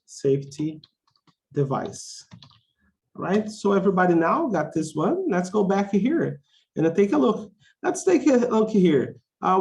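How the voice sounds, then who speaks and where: A man's voice: high-pitched, darkish tone. A man teaching a class, explaining things simply, repeating key phrases and checking that learners follow. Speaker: English teacher of a conversation class. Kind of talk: instructional lesson, explaining simply with check questions.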